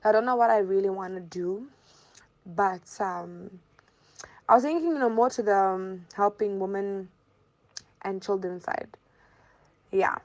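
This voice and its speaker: A bubbly young woman from Zimbabwe talks casually as an interview guest. She laughs often and circles back over her words. Her pitch sits in a middle range for a woman. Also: unhurried, long pauses, darkish tone, dull audio. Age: 20s.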